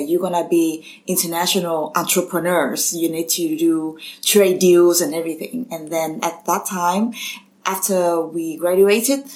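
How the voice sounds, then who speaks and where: Vietnamese woman, low, reflective guest. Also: a little mellow. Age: 30s. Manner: reflective, laughs often. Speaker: podcast guest. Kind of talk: casual interview chat.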